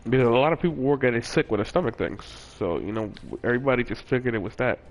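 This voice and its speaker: The audio is lo-fi as a fast-talking young man with a mid-range voice tells a personal story vlog-style. He rambles casually, dropping plenty of fillers and correcting himself as he goes.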